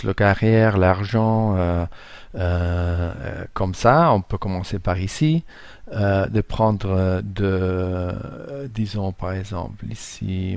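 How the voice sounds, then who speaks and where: Man, foreign accent in French, non-native speaker, low-pitched, dry close sound, halting tutorial delivery, searching for words. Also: darkish tone, dry recording. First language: not French. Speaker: tutorial presenter. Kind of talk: informal screen-share tutorial.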